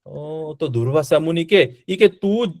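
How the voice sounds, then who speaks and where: A man telling a story to children, animated, asking them questions and repeating words. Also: sits high, normal speed, no echo, studio quality.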